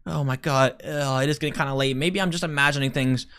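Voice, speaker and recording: A man hosting a gameplay video, talking to himself as he plays and exclaiming loudly when startled. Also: mid-range voice, fairly even intonation, fast, smooth. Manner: jumpy, exclaims loudly at scares; talks to himself while playing. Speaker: gaming video host. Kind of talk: casual gameplay commentary.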